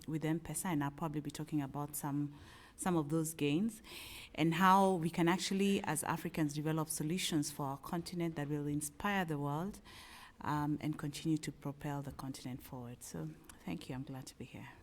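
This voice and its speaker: A woman's voice: deep voice, steady tone, moderate pace, darkish tone. A middle-aged woman from Kenya with a Kenyan accent, speaking as a panelist. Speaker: panelist, company executive. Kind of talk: panel talk.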